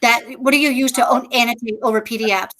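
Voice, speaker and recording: Hesitant teacher asking on a video call. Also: female voice, a little high, fairly even intonation, fast, a bit bright, low-quality recording. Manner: hesitant, searching for words. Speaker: elementary teacher asking questions.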